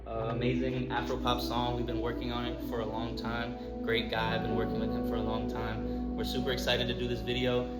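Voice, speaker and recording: A man's voice: medium pitch, completely flat delivery, brisk. A man talking casually to camera as a vlogger, addressing his viewers in a motivational, informal way. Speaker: vlogger and day trader. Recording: loud music over the voice. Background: loud music.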